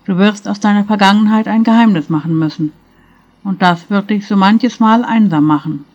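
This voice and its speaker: A gentle, patient middle-aged man, voiced by a woman narrator speaks with quiet earnestness in a storybook reading. The delivery is warm in intent but plain, a little louder than the narration. The recording sounds slightly dull. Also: mid-range voice, normal speed, close to an everyday voice. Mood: earnest. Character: gentle middle-aged male spirit guide, patient and kind.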